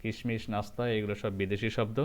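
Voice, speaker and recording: A man teaching a grammar lesson, going through rules step by step and repeating each example slowly. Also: fairly low pitch, level tone. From Bangladesh.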